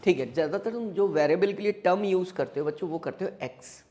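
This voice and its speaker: A man's voice: high-pitched, quick pace, mellow. A man teaching a physics lesson. He keeps asking questions and answering them himself, calls his students "beta", and mixes English terms into his speech. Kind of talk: classroom lecture.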